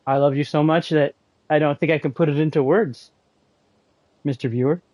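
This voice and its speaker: A man's voice: a little high, fairly even intonation, moderate pace, dry recording, muffled recording. A man chatting casually on a live game stream, rambling and joking at his own expense. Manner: rambling, joking and self-mocking.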